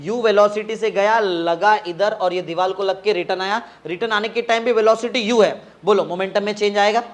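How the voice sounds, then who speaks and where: A male physics tutor, teaching a live class in a coaching classroom, quizzing students and repeating phrases to drive points home. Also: sits high.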